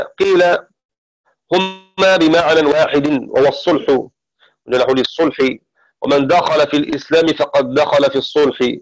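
A man teaching the variant readings of the Quran in a methodical classroom lecture, pausing now and then to correct himself. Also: fairly high pitch, low-quality recording. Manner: steady, explanatory, pauses to correct himself.

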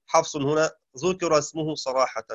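Guy teaching a lesson, slow careful explaining, bit higher voice, muffled dry lo-fi audio. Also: steady tone, a bit bright, no room sound. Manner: measured, explanatory, with occasional chanted recitation. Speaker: Quran recitation teacher. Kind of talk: lecture. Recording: dull, dry lo-fi sound.

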